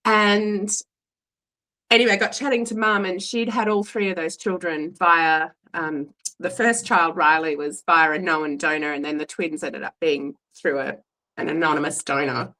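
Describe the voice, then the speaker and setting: A woman's voice: low voice, steady tone, moderate pace, sharp tone, low-quality recording. An Australian woman in her forties candidly telling a personal story in a chatty, frank way. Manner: frank, chatty, restarts and fillers, acts out quoted voices.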